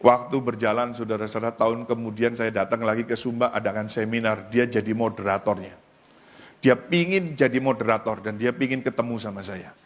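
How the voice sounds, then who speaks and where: A male pastor with an Indonesian accent preaching a sermon in a church, telling stories, often calling out to the congregation, and jumping from loud high cries to low quiet asides. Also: fairly even intonation, brisk. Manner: storytelling with repeated address to the congregation.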